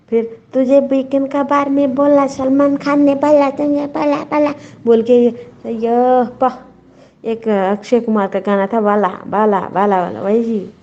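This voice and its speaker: A woman's voice: mid-range voice, mellow, highs cut off. A woman reviewing a reality show in casual chat, blunt and scolding, rambling with many restarts.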